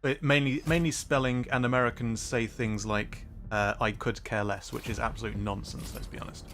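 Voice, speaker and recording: Man, modern British received pronunciation, casual live-stream commentary, halting rambling explanations, medium pitch. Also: level tone, fairly bright tone, a little hiss or hum. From Midlands of England. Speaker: streamer reacting to a game showcase.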